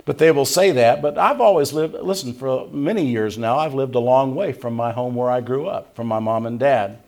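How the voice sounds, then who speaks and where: An older male pastor delivers a sermon in a gravelly voice, his pitch sitting in the middle range for a man. He preaches with emphatic pushes that drop into quiet, hushed asides, and he quotes scripture in old-fashioned wording. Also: moderate pace. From Tennessee, USA.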